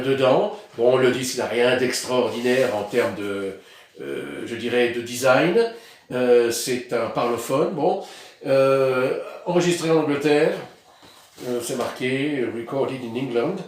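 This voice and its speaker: A man's voice: medium pitch, darkish tone. Rambling man, echoey sound. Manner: rambling, hesitant, many fillers. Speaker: vinyl record collector presenting his records. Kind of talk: casual vlog. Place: outdoors in the sun.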